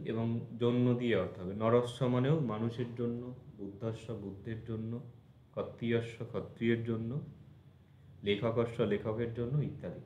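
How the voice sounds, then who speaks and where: Slow patient male teacher, echoey room. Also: mid-range voice, dark tone, dull audio, slight background noise. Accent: Bengali. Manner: slow, patient, spells out word endings syllable by syllable. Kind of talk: language lesson.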